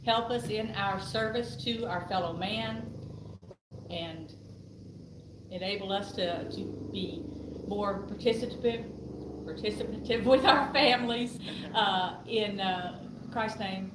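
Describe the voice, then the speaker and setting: A woman giving a soft, halting spoken prayer at a club meeting. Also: mid-range voice. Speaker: member giving the invocation. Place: meeting hall. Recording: echoey room from far off, background noise.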